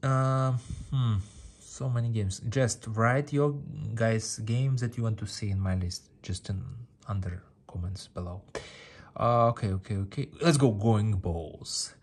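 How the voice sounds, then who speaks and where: A gaming video host with a lowish, unhurried voice gives casual commentary on a mobile game he plays on a tablet in an indoor room. He talks in short, fragmented phrases and often repeats words. Game music plays behind his voice.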